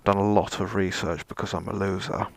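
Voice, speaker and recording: A man's voice: low-pitched, little pitch movement, a little fast, gravelly, dry recording. A man presenting a casual vlog gear test in a rambling, self-deprecating way, with dry sarcasm and some mild swearing. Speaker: motovlogger, presenter.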